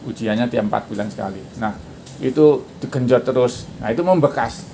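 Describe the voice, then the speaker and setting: A man in his sixties, a podcast guest, talking casually and shouting out drill counts now and then. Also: medium pitch, brisk, vocal fry. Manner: shouts out karate counts when demonstrating. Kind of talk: casual interview. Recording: noisy background.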